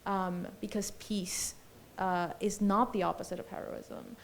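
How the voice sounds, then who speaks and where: A woman's voice: mid-range voice, level tone, unhurried, a little hiss or hum. Colombian-born woman on a panel, thoughtful and lyrical, lots of ums and restarts. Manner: reflective, lyrical, many fillers and restarts. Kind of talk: festival panel discussion.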